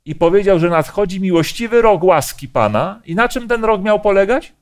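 A man's voice: high voice, lively intonation, moderate pace. A man leading a Bible study discussion, explaining passages and asking the group questions.

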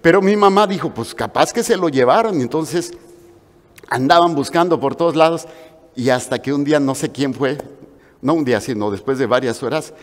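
Mexican preacher in an echoing hall. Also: male voice, a little high, moderate pace. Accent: Mexican Spanish. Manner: animated storytelling with acted-out voices. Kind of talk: sermon. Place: church hall. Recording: long reverb of a large hall.

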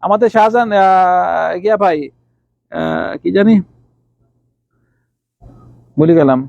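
A man teaching Arabic letters to a class, calling on students by name and repeating letter sounds slowly. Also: sits high, animated, gravelly, a little mellow, no echo, highs cut off.

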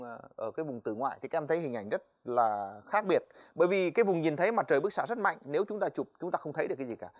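Guy teaching physics on tv, talks fast, lots of "uh" and "right?". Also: fairly high pitch. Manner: quick, chatty, stops often on "đấy" and "ờ"; addresses students directly, asks "right?". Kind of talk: televised exam-review lecture.

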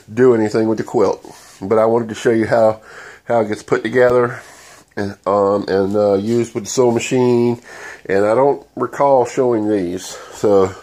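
Holding his phone camera, a man hosting a DIY channel talks through a how-to demonstration in his sewing room in a rambling, plain way. A cold makes his voice stuffy, and it's lowish and slightly mellow.

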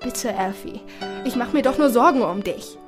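A woman's voice: on the high side, expressive, normal speed, over music, lightly acted. A woman voicing an anxious young man in an audiobook, urgent and pleading. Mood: worried. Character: anxious young man, panicked older brother. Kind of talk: audiobook character voice.

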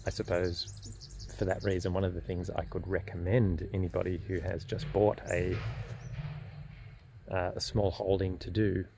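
A middle-aged man with an Australian accent talks through his vlog outdoors in an orchard garden. His voice sits low and carries a gravelly edge. He speaks in a measured, thoughtful way, with plenty of ums and restarts. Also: flat delivery, warm tone, slight background noise. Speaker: smallholder vlogger. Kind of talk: casual explanatory vlog.

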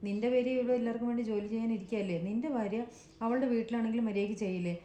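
A woman voicing a stern middle-aged mother who scolds with sharp, reproachful questions. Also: fairly high pitch, racing, echoey room, lightly acted. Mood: scolding.

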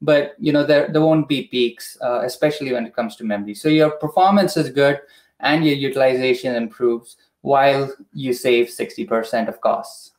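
A man explaining a technical process on a video call, measured and methodical, with frequent pauses and "uh" fillers. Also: medium pitch, a little mellow. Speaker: product expert guest. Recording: echoey room.

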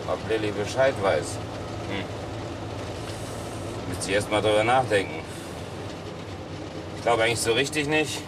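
Brief: actor playing a sheepish young trucker, heard from off-mic over truck noise. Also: male voice, lowish voice, measured pace, pauses often, recorded from a distance, natural voice. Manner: nervous, sheepish. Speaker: truck driver. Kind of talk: 1960s TV drama acting. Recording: old TV soundtrack, off-mic, noisy truck cab.

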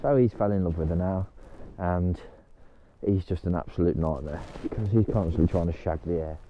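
In a casual vlog chat, an older man kayaks on a canal, talking to camera and turning to his dog from time to time. His voice is low and his pace moderate, while the sound is lo-fi with a touch of hiss or hum.

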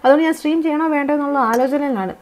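A woman's voice: high voice, racing, darkish tone. A young woman, chatting and teasing as she streams a game for her viewers. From Kerala. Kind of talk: live gameplay stream chat.

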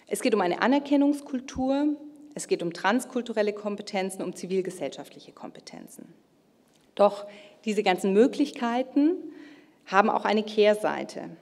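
With measured, emphatic phrasing, a middle-aged keynote speaker gives a formal conference lecture, partly read from notes. Her medium-pitched voice is a little mellow. She stands at a lectern on a large indoor auditorium stage, speaking into a gooseneck microphone, with reverberant hall sound.

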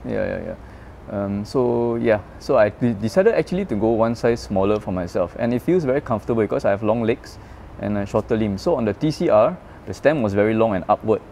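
Brisk and creaky, a lowish male voice belongs to a guest who grew up in Malaysia, casually discussing his road bike in an open parking garage at night. Slight background noise; he's chatty, lively in stories, and keeps using fillers and restarting.

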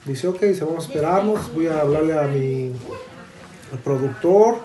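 Low-voiced woman narrating an anecdote calmly, roomy space with background voices. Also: moderate pace, crowd noise. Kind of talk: casual storytelling.

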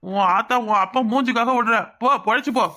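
A man voicing a hot-headed, dark-skinned young village man in a cartoon, boastful and quarrelsome, with a Kanyakumari Tamil accent. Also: extremely high pitch, steady tone, brisk. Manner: boastful, quarrelsome, repeats words. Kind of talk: cartoon voice acting.

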